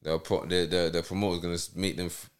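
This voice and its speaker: A man's voice: low-pitched, little pitch movement, quick pace. South London man telling slangy stories. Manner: street slang, frequent check-in tags. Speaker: interview guest, boxer. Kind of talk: casual anecdotal chat.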